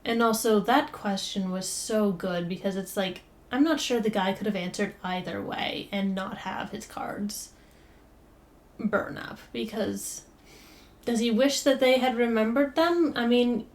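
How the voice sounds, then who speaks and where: A woman's voice: mid-range voice, measured pace. A woman hosting a reaction video, talking in a casual, emotional, rambling way with stammered restarts.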